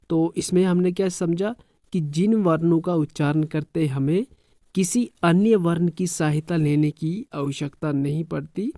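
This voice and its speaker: A man's voice: a little high, creaky, warm tone, no room sound, clean studio sound. A male school teacher explaining a lesson, sounding out letters one by one and often checking in with "thik hai". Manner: repeats phrases, frequent "thik hai" check-ins.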